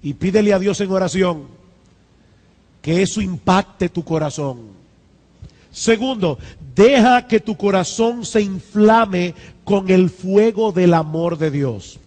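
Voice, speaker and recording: Slow and high-pitched with a darkish tone, a male pastor preaches emphatically. He repeats key lines and builds toward fervent exhortations as his voice echoes with long reverb through a church hall.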